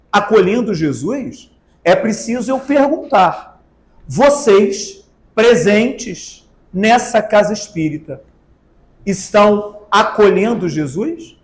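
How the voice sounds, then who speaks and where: A man with a Brazilian accent giving a spiritist talk to an audience, asking rhetorical questions and drawing out words for emphasis. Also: sits high. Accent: Brazilian Portuguese. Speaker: spiritist lecturer. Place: spiritist center meeting hall. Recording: echoey hall.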